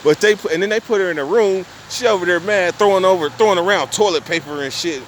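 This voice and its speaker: Fast and high-pitched with a fairly bright tone, a young man spins a long tale for his viewers. His delivery is profane, slangy and rambling, full of restarts and repetition, and there's slight background noise.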